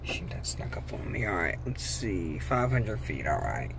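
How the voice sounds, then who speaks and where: American guy rambling while he drives, unhurried, thinking out loud, really loud car noise, phone recording. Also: sits low, big pitch swings, gravelly. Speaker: vlogger driving. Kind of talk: casual rambling driving commentary. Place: inside a moving car. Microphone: handheld phone.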